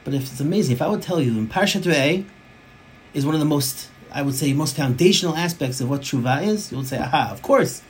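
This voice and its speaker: A man giving a Torah class from his home office, talking in an animated way, restarting phrases and mixing in Hebrew terms. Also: a little high, fast talker, slight background noise, rough recording.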